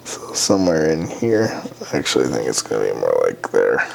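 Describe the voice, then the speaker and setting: A man giving a casual hands-on how-to, talking haltingly as he thinks aloud while working. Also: very deep voice, huge pitch swings, gravelly, slight background noise, poor audio. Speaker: host of a hunting and craft how-to show. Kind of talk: casual hands-on tutorial narration.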